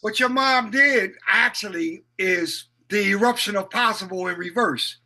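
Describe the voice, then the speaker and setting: High, sharp-voiced male interviewer. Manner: stammering, many quick restarts. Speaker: interview host. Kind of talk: conversational interview.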